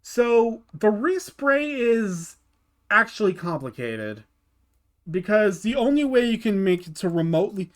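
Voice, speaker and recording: A man's voice: high voice, sing-song, measured pace. A man hosting his gaming channel, talking through a car build in a casual tutorial voice-over, often stopping to restart and repeat words.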